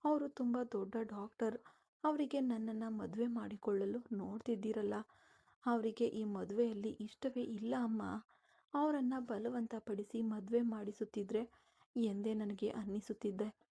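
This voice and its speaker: Tearful young bride in a storybook tale, pleading, creaky and husky, read by a woman narrator. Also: a little high, steady tone, normal speed, warm tone. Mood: distressed. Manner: pleading, upset.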